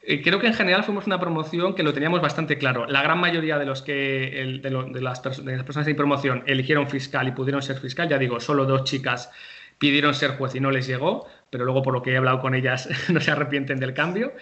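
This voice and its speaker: A man speaks quickly and plainly, answering with brisk, matter-of-fact ease. His voice comes through dull and lo-fi, as if the recording lacks its highs. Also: steady tone, bright, forceful tone. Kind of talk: casual interview talk.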